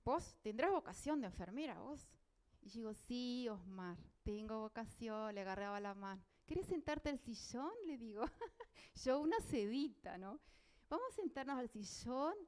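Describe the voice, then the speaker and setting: A woman with a Uruguayan accent shares a heartfelt testimony before a congregation. She sits high in her register, and her tone stays mellow and soft-edged. She slips into the voices of the people in her story as she tells it. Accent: Uruguayan Spanish. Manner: heartfelt storytelling, acting out dialogue. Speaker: church member giving a testimony. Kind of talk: spoken testimony.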